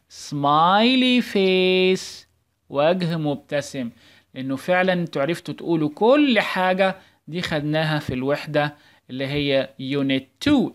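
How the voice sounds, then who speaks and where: A man's voice: on the high side, fairly bright tone. A man with an Egyptian accent teaching English in a recorded video lesson for young children. He prompts with questions and stretches out his praise in a sing-song way. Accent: Egyptian Arabic. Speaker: primary school English teacher.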